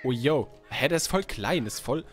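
A man hosting a casual Minecraft let's play, joking loudly, with sudden outbursts and silly voices. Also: mid-range voice, lively intonation, normal speed. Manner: goofy, loud, jokey outbursts and silly voices. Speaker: gaming YouTuber host. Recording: game music behind the voice.

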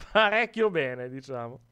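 A man's voice: medium pitch, expressive, takes it slowly, bright, forceful tone, clean tone. A man co-hosting a casual live wrestling post-show chat, rambling and repeating words, often laughing, with an Italian accent.

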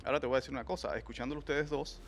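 A man's voice: medium pitch, steady tone, very fast, gravelly, faint music behind. A man, hosting a heated panel debate in a studio and speaking emphatically. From Dominican Republic. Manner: emphatic, gestures a lot, interrupts to steer. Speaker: host. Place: dark studio. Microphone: desk mic on boom arm.

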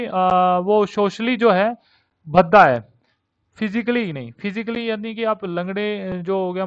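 Male teacher, fairly high voice, dry lo-fi recording, explains words patiently. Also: no room sound. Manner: explains in Hindi, reads English lines slowly. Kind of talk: vocabulary lesson.

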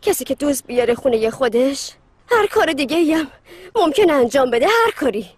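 A woman's voice: high voice, very animated, dry recording. A woman dubbing a gossipy young housemaid who grumbles indignantly.

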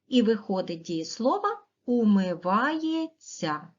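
Woman primary teacher, measured and precise, rising and falling voice, muffled lo-fi recording. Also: medium pitch, big pitch swings. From Ukraine. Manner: clear, slow and deliberate, stressing word endings. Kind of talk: recorded video lesson for children. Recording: dull, muffled lo-fi audio.

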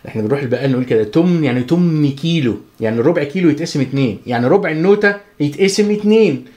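A man with an Egyptian Arabic accent giving a chatty, joking guitar lesson, counting the beats out loud. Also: fairly high pitch, animated, rapid-fire. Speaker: guitar teacher. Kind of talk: casual spoken music lesson.

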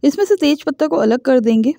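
A woman, the host of a cooking channel, calmly explaining each step of a recipe in a home-kitchen voice-over. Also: high voice, brisk, gravelly, no room sound, studio quality. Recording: dull lo-fi voice-over.

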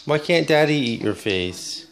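A man's voice: on the high side, animated, a little slow. A man, a father filming his small child at home, asking playful teasing questions in a silly, mock-pleading way. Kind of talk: playful home-video chat with a toddler.

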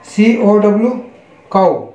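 Indian male tutor, high voice, spells words out deliberately, roomy lo-fi sound. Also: big pitch swings, warm tone. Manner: spells words letter by letter, then gives Hindi meanings; slow, deliberate, repetitive teaching. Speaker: English teacher. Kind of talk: online English pronunciation lesson. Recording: echoey, dull lo-fi room.

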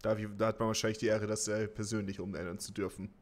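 A man commenting on his own online gameplay live, muttering quietly at times and breaking into panicked shouting and swearing, with self-mocking jokes. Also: lowish voice, little pitch movement, fast. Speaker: streamer.

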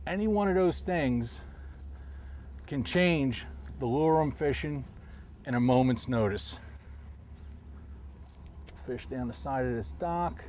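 A middle-aged man, a professional angler, calmly explaining his technique while fishing from a boat on a river, recorded outdoors on a lapel mic. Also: medium pitch, slow pace, pauses often. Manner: calm, explanatory, talks while casting. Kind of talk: instructional fishing commentary. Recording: faint outdoor noise.

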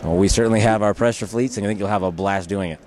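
Fast-talking deep-voiced man pitching cars. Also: darkish tone, a little hiss or hum. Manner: upbeat, salesy, uses "uh" fillers. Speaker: auto brand representative. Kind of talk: promotional interview answers. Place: busy indoor auto show floor. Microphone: handheld mic held by interviewer.

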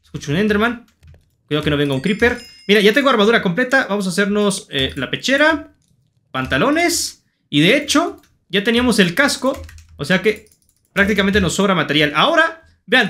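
Excitable Mexican gamer narrating his play. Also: sits high, a little fast. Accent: Mexican Spanish. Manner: excitable, talks to himself and viewers, shouts at finds and enemies. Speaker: gaming YouTuber. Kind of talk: Minecraft let's play commentary.

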